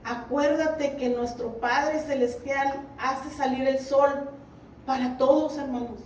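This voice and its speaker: A woman's voice: high-pitched, steady tone, slow, a little hiss or hum. A woman preaching a sermon, earnestly exhorting her congregation. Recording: roomy, distant mic.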